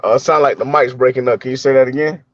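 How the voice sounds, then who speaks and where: A man's voice: mid-range voice, fast, fairly bright tone, no echo. Man on a choppy, degraded stream call. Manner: laid-back, loose, filler-heavy talk. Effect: choppy, degraded live-stream call audio. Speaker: sparring partner guest. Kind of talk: casual remote interview. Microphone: video call. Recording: dull lo-fi stream audio.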